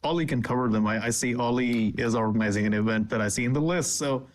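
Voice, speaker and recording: A man co-hosting a casual podcast chat over a video call, quick with joking asides. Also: mid-range voice. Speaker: podcast co-host.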